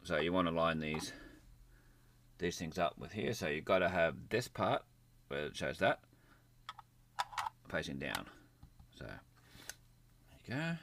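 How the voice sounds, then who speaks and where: Very animated yet a little slow, this low male voice has vocal fry and pauses often over a noisy background. The gadget reviewer sits indoors at a desk near a computer, casually demonstrating hands-on without a script, in plain-spoken fashion.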